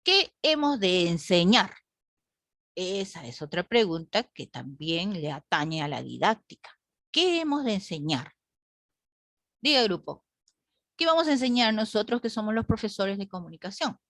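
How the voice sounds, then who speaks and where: A woman's voice: medium pitch, big pitch swings, normal speed, a bit bright, no echo, clean studio sound. A woman teacher lecturing a class online, asking the group rhetorical questions and often adding "¿no?".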